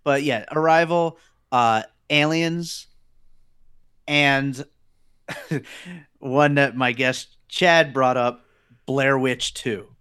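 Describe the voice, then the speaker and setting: A man co-hosting a podcast in casual chat, laughing easily and pausing on fillers. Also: mid-range voice, a bit bright, clear, resonant tone. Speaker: podcast co-host.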